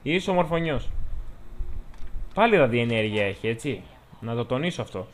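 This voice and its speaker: A man's voice: mid-range voice, big pitch swings. A man with a Greek accent giving chatty, joking let's-play commentary, talking to the game's characters as he plays. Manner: chatty, jokey, talks to the game characters. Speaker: gameplay commentator.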